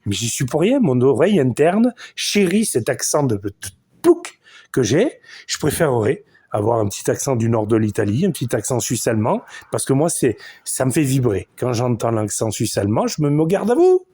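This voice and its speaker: A podcast host in his forties from southern France, with a Southern French accent, delivers a crude, boastful monologue packed with swearing. His medium-pitched voice is warm, slightly rough and very animated, at a normal speed.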